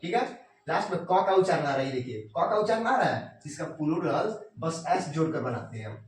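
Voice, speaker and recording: ऊँची आवाज़ वाले हिंदी शिक्षक. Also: male voice, on the high side, sing-song, breathy edge. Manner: repeats "ठीक है" often, dictates rules slowly. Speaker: English grammar teacher. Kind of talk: classroom-style grammar lesson.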